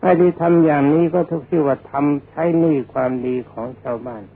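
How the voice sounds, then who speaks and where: An elderly man delivers a Buddhist sermon as a senior monk. His voice is husky and full of gravel, and he explains each point in a deliberate, teacherly way. The sound is muffled and lo-fi, like an old radio recording. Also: fairly high pitch. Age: older. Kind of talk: Dhamma sermon.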